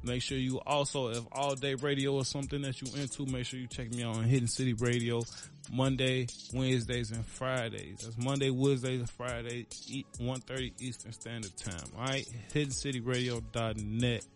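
A man's voice: mid-range voice, little pitch movement, normal speed, faint music behind. A man hosting his own podcast, talking casually in a rambling, laid-back way with lots of fillers and slang, a little out of breath. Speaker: podcast host. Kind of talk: casual solo podcast outro.

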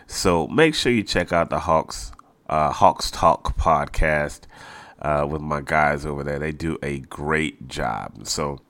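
Deep voiced guy doing a casual sports podcast, bit nasal like a stuffy nose, dry sound. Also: slow pace, fairly bright tone, dry recording. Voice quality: slightly nasal, congested. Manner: informal, emphatic repetition of phrases. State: mildly congested from allergies. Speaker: podcast host.

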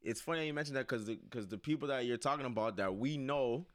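A man's voice: mid-range voice, fast talker, no room sound, clean studio sound. A man chatting casually in street slang, often repeating words as he gets a thought out. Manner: slangy, stammering repetition of words. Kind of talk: casual chat.

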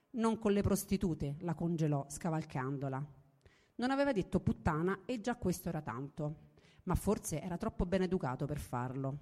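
A woman reading a science fiction story aloud, steady and measured. Her voice is low and mellow. A long reverb trails every phrase. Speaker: reader. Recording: reverberant room.

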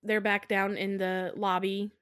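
A woman around thirty co-hosting a podcast, retelling a film in an animated, giggly way and acting out the quotes. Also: mid-range voice, measured pace, no room sound, studio quality. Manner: animated, giggly storyteller who acts out quotes. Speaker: podcast co-host. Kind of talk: casual chat.

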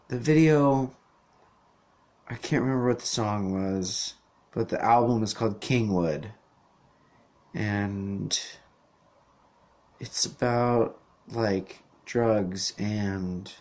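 This podcast host, a man in his thirties, has a voice on the low side with a darkish tone. He talks by himself in a rambling way, full of fillers, false starts and casual swearing.

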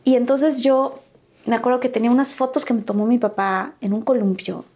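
Animated Mexican woman telling stories. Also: on the high side, brisk, slightly rough. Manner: animated, acts out quoted dialogue. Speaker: actress and interview guest. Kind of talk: casual storytelling interview.

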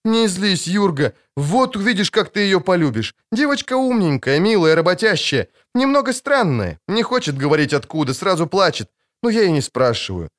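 Male narrator as an anxious village wife: raised pitch, pleading, emotional. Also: sing-song, normal speed, hardly any pauses. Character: anxious loving middle-aged village wife.

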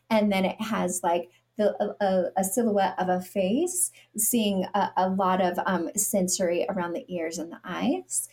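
A middle-aged nonprofit CEO, guesting on a podcast interview, speaks earnestly and tells stories in a mid-range, darkish voice. Now and then she acts out what people said with a sarcastic edge.

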